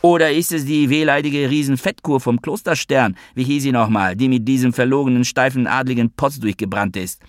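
A man's voice: medium pitch, a little fast, hardly any pauses, no echo, clean studio sound, pitched above the performer's own voice, close to an everyday voice. A man playing a cocky, whiny schemer. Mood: whining. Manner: wheedling, mocking, self-pitying. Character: cocky, sardonic man, whiny when cornered.

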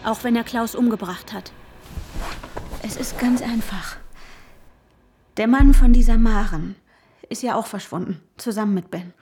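An actress playing an anxious young woman haunted by trauma, narrating her own story in the first person with an intense, breathy delivery. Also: fairly high pitch, a little slow, long pauses, darkish tone, a little hiss or hum, lightly acted. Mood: tense. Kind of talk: audio drama narration. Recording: music playing underneath.

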